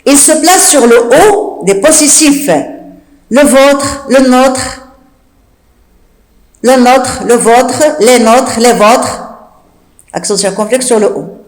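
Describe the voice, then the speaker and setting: A woman teacher giving a slow spelling lesson, repeating each rule and spelling out letters one by one, with the odd hesitant filler. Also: on the high side, roomy sound, poor audio. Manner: fillers like "euh" and "d'accord". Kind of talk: slow classroom dictation lesson.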